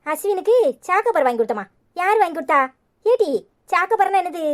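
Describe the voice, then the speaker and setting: A woman's voice: very high-pitched, big pitch swings, quick pace, very noisy. A woman voicing a fond, teasing old village grandmother with a Kanyakumari Tamil accent in a cartoon. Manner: teasing, scolding-affectionate.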